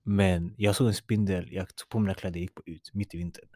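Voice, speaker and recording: A man telling a story in casual talk, animated and mixing in English phrases. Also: deep voice, no echo, clean studio sound.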